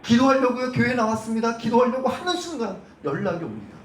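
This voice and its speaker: Pastor guy preaching, high voice, acts out the crowd yelling, roomy church sound from far off. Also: fast talker. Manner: animated preaching, acting out crowd shouts and asking the congregation questions. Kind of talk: sermon. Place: church sanctuary. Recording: roomy church sound from a distant mic, faint hum.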